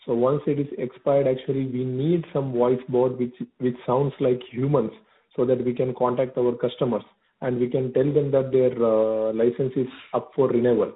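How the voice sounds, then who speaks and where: A man with a South Indian accent speaking conversationally as a customer on a call, halting and repeating his words. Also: medium pitch, little pitch movement. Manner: halting, repeats words and often adds "actually". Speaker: business customer on a sales call. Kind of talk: conversational phone enquiry. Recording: tinny, narrow phone-line audio.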